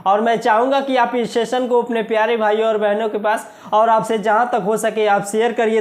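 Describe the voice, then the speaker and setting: A man with an Indian accent teaching a maths lesson for exam preparation, repeating key words slowly and asking the class questions. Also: extremely high pitch. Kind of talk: exam-prep video lesson.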